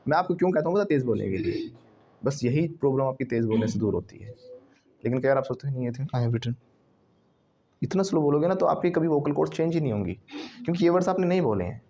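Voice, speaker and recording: A man teaching English to a classroom of students, drilling words loudly and laughing often. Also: mid-range voice, lively intonation, quick pace, highs cut off.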